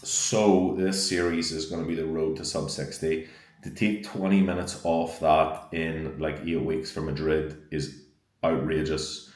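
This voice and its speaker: A man's voice: extremely low pitch, flat delivery, a little slow, darkish tone. A young man talking casually to camera as a fitness vlogger, upbeat and chatty and swearing freely.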